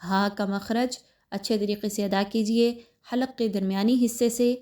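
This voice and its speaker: A woman with an Urdu accent teaching Quran recitation, explaining the rules step by step and pausing to check that listeners have understood. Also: mid-range voice, steady tone, dark tone. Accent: Pakistani Urdu. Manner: explains step by step, then recites slowly and drawn out; checks understanding with repeated "clear?". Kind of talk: recorded recitation lesson.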